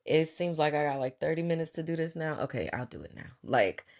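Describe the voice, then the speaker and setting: Here a male podcast host keeps a casual interview chat going, chatty and self-deprecating, laughing often at his own expense. His pitch is fairly high and expressive, his pace fairly quick, and his tone on the darker side.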